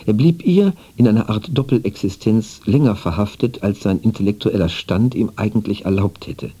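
A man reads a scripted radio documentary in a formal, even, literary manner. His voice sits low and sounds dark and slightly husky. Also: moderate pace, dull audio. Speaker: narrator. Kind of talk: scripted radio feature narration.

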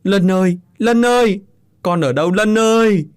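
A man's voice: medium pitch, big pitch swings, normal speed, a little mellow, no room sound, studio quality, lightly acted. A man voicing a frantic, grieving middle-aged village father who pleads and cries out in anguish.

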